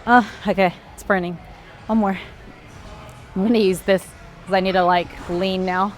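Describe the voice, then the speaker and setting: Soft background music accompanies a gym session where a woman vlogger walks viewers through exercises as she does them. She speaks in a mid-range voice at a normal speed and steady tone, though she's slightly breathless, with effortful sighs and exhales throughout her casual instruction.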